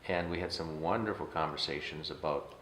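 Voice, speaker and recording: A man with a very deep voice talks about his guest in a measured way, dotted with hesitations. The recording has a roomy echo and faint background noise. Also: a bit bright. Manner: measured, with filler sounds. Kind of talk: casual interview chat. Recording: echoey room with faint noise.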